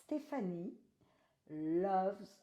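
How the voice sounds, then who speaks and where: A woman hosting an interview, chatty and a little halting, with non-native phrasing. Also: medium pitch, sing-song, dark tone. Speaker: host. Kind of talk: casual interview conversation.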